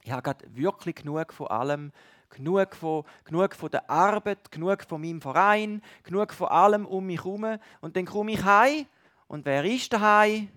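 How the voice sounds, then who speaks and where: A man preaching a sermon, speaking directly to his listeners and moving between loud stresses and hushed lines. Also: sits high, normal speed.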